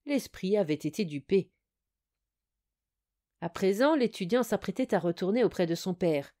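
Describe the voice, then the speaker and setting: A woman narrating a classic fairy tale for an audiobook. Her voice sits at an ordinary middle pitch. She tells the story calmly and clearly. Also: moderate pace, dry recording, studio quality.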